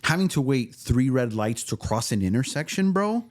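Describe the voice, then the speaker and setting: A man, born in Cuba, a podcast guest chatting in a relaxed way and often saying bro and man. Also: medium pitch, normal speed. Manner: laid-back, says bro and man a lot. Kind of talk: casual chat.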